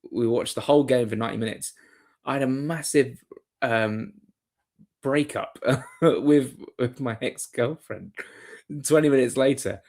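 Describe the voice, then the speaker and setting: A man's voice: medium pitch, a little slow, creaky, long pauses, darkish tone. A man hosting a live football watchalong, giving chatty, rambling play-by-play with asides to his viewers. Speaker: watchalong host. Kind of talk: live match commentary and chat.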